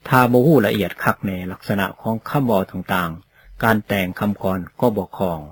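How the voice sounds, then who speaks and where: Man, teacher, lecture read aloud, deliberate, lowish pitch, husky. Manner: slow and deliberate, sounding out example words one by one. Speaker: teacher of poetry.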